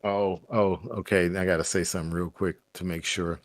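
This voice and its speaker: Man, podcast host, casual chat, low voice, dry sound, loose rambling delivery. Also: fairly even intonation, fairly quick, no echo. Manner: loose, rambling, corrects himself mid-sentence.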